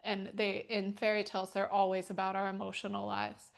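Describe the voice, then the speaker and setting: A woman's voice: mid-range voice, monotone, brisk, vocal fry. A middle-aged woman teaching a yoga class and telling stories, talking casually and rambling with many fillers. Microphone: wearing a microphone.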